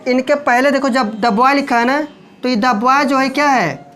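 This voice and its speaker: A man teaching English grammar in with a lilt, who keeps checking the class with quick questions. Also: very high-pitched, pushed and bright, soft background music, rough recording.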